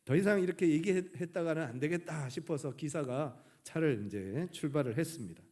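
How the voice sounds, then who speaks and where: A male pastor from the Gyeongsang region preaching a sermon earnestly, letting his sentence endings fall soft and quiet. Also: medium pitch. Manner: earnest, trailing off softly at sentence ends.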